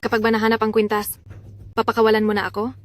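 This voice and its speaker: A frightened young woman held captive, voiced by a woman in a drama dub, pleading in quick, level bursts. Her voice stays flat in pitch, and there is a faint hiss of noise behind it. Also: close to an everyday voice. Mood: wary. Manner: pleading, anxious.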